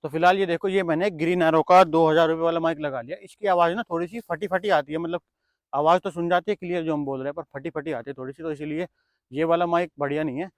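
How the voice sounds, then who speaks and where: A man talks through a product demo at a quick clip in a slightly higher register, chatty and explaining every step as he goes. His voice is close and dry on a clip-on wireless mic. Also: steady tone, dry recording. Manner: chatty, explains step by step while handling gear. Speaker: tech reviewer vlogger.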